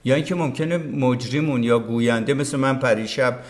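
A man's voice: medium pitch, fairly even intonation. Man, veteran broadcaster, podcast guest, emphatic, opinionated, acts out quotes. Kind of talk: casual conversation.

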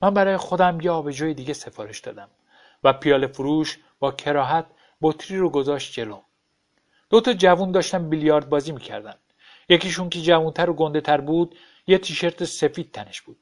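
Calm, detached male narrator. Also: fairly high pitch. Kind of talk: audiobook story reading.

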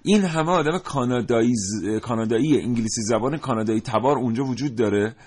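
A man's voice: medium pitch, a little mellow, slightly rough. A man co-hosting a studio discussion, talking in an emphatic, lecturing way. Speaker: co-host.

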